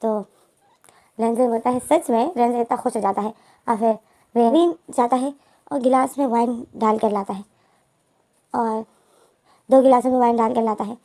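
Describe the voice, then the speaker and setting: A woman's voice: on the high side, fairly even intonation, moderate pace, pauses often, dark tone. A woman retelling a fan fiction story as its narrator, in simple narration that repeats itself.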